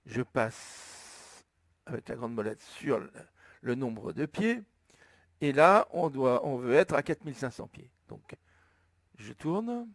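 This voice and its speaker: A man with a French accent slowly explaining, step by step, how to enter a flight plan, thinking aloud as he goes. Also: mid-range voice, very animated, gravelly, no echo, studio quality. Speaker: flight sim tutorial maker. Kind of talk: screen-recorded tutorial narration.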